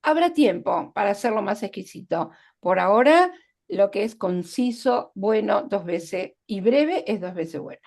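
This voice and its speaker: Gravelly-voiced woman teaching literature. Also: medium pitch, animated, a little slow, darkish tone. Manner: explains step by step with examples, checks in with "¿está?". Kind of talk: online class explaining literary devices.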